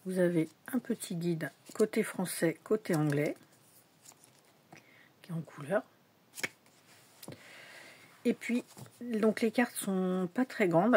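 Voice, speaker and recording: A woman's voice: lowish voice, a little mellow, breathy edge. Chatty woman showing tarot decks. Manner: chatty, hesitant, many fillers, drops to whispers at times. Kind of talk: casual show-and-tell vlog.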